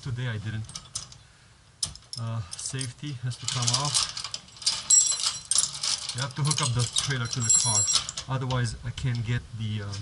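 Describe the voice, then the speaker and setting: On a driveway outside a house next to the garage, a man records a casual how-to vlog on an action cam strapped to his head. His voice sits in the mid range, the audio is very noisy, and he wanders off track, starts sentences over, and explains things step by step.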